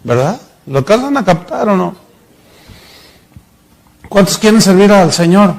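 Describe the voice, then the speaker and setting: Middle-aged guy preaching, gravelly voice, acts out little stories. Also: high voice, sing-song, unhurried. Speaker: pastor. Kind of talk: sermon.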